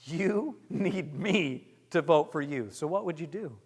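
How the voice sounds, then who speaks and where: Energetic man teaching a workshop in a reverberant hall. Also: on the high side, unhurried, slightly rough. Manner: energetic, joking, quizzing the audience. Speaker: workshop presenter. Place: lecture room with audience.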